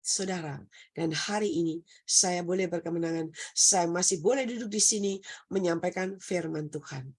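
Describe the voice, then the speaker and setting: A hoarse woman preacher with a nasal voice, giving an impassioned, repetitive sermon over a video call. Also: on the low side, moderate pace. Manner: impassioned, repetitive, rising to near-shouting.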